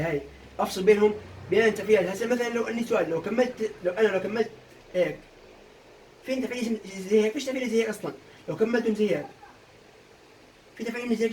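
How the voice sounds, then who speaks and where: Fast high-voiced teacher drilling students. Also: male voice, darkish tone, recorded from a distance, rough recording. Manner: drills students with quick questions and answers. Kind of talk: exam-prep poetry meter lesson. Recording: voice a bit off-mic, faint room noise.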